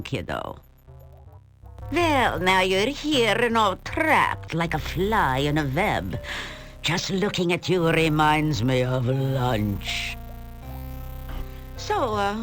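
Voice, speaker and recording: A woman's voice: lowish voice, fairly bright tone, full character voice. A cackling old witch. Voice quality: cackling, sing-song and taunting. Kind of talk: game voice acting. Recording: game audio with faint music.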